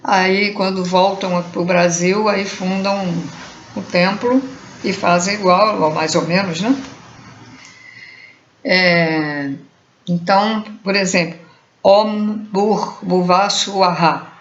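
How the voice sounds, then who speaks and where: A Brazilian woman giving an informal spiritual talk, chanting mantras slowly as examples and groping for words she has forgotten. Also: medium pitch, fairly even intonation, slight background noise. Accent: Brazilian Portuguese. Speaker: spiritual teacher. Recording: roomy, muffled home recording.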